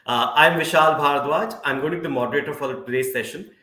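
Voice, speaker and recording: Give me a man moderating a session over a conference call, formal and measured, with a roomy echo on the line. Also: fairly high pitch, pushed and bright. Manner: formal, measured, with frequent "uh" fillers. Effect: conference call audio. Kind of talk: hosting an online career webinar. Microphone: video call.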